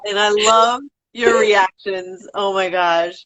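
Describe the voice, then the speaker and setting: A woman's voice: mid-range voice, fairly even intonation, slow, fairly bright tone, rough recording. A woman hosting a casual chat, affirming her guest and laughing along. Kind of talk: casual conversation.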